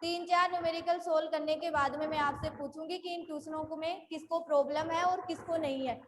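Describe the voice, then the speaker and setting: Brief: very high-pitched woman teacher, unhurried delivery, echoey, noisy online-class audio. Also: fairly even intonation. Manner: slow and repetitive, asks and answers her own questions; calls students by name and praises them.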